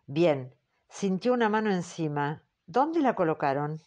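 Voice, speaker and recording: A woman reading the part of a formal man questioning a witness, slow and patient. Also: on the low side, lively intonation, darkish tone, highs cut off. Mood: probing. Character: measured male examiner, formal and patient. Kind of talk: audiobook character reading.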